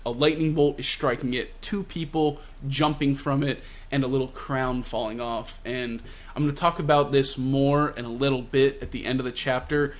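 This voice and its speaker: A young man casually and excitedly recapping a manga chapter, full of slang and fillers. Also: mid-range voice. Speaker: manga reviewer.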